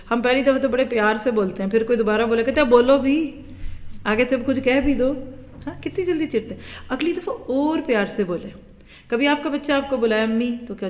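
A middle-aged woman teaching a hadith lesson, lively and warm with listeners, acting out everyday exchanges in little voices. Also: mid-range voice. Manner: animated, acts out everyday dialogue in voices. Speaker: religious teacher. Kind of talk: hadith lecture. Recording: echoey hall, dull lo-fi sound.

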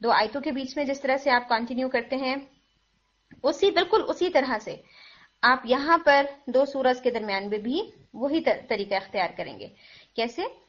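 A woman's voice: sits high, moderate pace, a bit bright. A woman teaching the rules of Quran recitation, explaining step by step with patience and mixing in English words. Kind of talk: tajweed lesson. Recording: dull lo-fi recording.

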